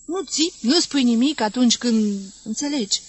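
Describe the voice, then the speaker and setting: A worldly young wife speaks bluntly and cynically, asking direct questions without blushing, voiced by a woman reading. The voice is fairly high. It comes across as a character read aloud in an audiobook. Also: animated. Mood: probing.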